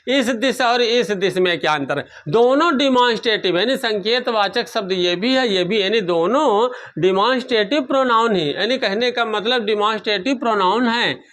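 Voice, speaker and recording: A man's voice: sits high, normal speed, hardly any pauses, fairly bright tone. A man teaching a grammar lesson, asking questions and answering them himself, repeating key terms.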